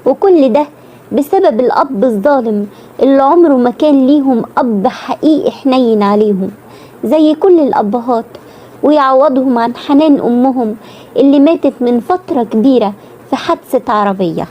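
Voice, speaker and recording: A woman's voice: high-pitched, fairly quick, lo-fi sound. A woman with an Egyptian accent narrating a dramatic serialized story.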